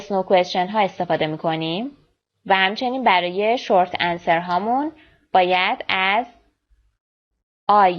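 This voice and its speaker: Woman teaching, slow clear English. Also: mid-range voice. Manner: reads English lines slowly and clearly, then explains quickly. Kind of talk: bilingual language lesson. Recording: dull lo-fi recording.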